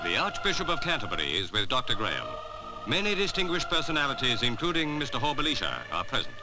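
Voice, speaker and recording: A man's voice: mid-range voice, big pitch swings, quick pace, loud music behind the voice, rough recording. A man narrating a 1950s newsreel in a formal announcer's delivery, played from an old newsreel.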